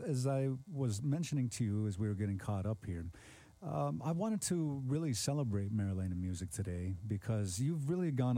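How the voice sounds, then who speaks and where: Male radio host, very mellow dark voice, dry close sound, earnest, rambling. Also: lowish voice, no room sound. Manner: earnest, rambling, many fillers. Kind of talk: casual interview hosting.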